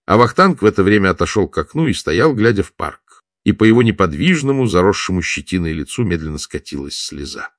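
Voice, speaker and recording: A man narrating a war story in a steady, measured reading. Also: sits low, no room sound, studio quality. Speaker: audiobook narrator. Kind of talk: scripted narration.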